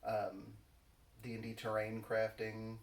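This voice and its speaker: A man with a fairly low voice talks casually in a halting, understated manner. He is recorded some way from the mic in an echoey room. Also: completely flat delivery, recorded from a distance. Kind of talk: casual chat, Q&A.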